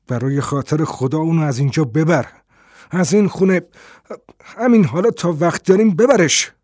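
A man's voice: mid-range voice, warm tone, husky, no room sound, clean studio sound, natural voice. A man reading an audiobook voices an agitated young man with urgent, pleading lines.

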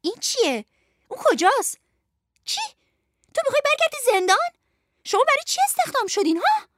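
A woman voicing a shrill, spiteful bandaged woman who screeches orders at guards in a rapid tirade. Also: sing-song, very noisy. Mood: furious. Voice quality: high shrill voice.

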